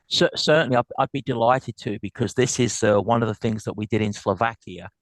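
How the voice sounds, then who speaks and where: A man with a South African accent speaks in a brisk, upbeat way, often restarting his sentences as he explains business points. His voice sits at a middle pitch and sounds dry and close, with no room echo. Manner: quick, upbeat, frequent restarts. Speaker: guest speaker. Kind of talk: business lecture and Q&A.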